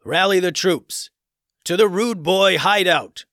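A man's voice: sits high, slow, fairly bright tone, no room sound, studio quality, pitched above the performer's own voice, heavily acted. A man voicing a stern male dolphin king who demands answers and bellows orders in a storybook tale. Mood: rousing.

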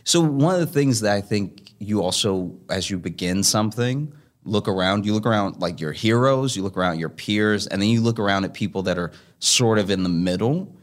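Male interview guest, low and resonant radio-style voice, heavy tone, thoughtful and measured with pauses. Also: lively intonation. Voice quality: deep, sonorous, heavy radio voice. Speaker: guest, stand-up comedian. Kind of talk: reflective conversational interview.

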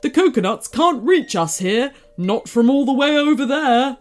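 Woman voicing a brisk little male dog. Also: sits high, animated, faint music behind, voice pushed up. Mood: urgent. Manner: urgent, emphatic and loud. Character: small brave male cotton dog, urgent and practical.

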